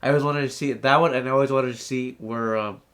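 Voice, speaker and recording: Relaxed young man with dry remarks. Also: medium pitch, quick pace. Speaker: co-host. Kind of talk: casual chat.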